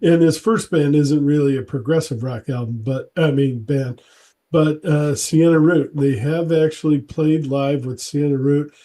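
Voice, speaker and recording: A man hosting a laid-back interview, his voice mellow and a little high. He rambles, trailing off and starting over between thoughts. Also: unhurried. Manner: rambling, many fillers and restarts. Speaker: interview host. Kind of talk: casual interview chat.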